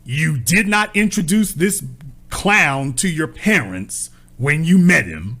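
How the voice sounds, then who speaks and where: A man's voice: on the high side, lively intonation, slow pace, pushed and bright. A man hosting a call-in advice show, who lectures a caller in a blunt, scolding and crude way. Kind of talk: call-in relationship advice talk.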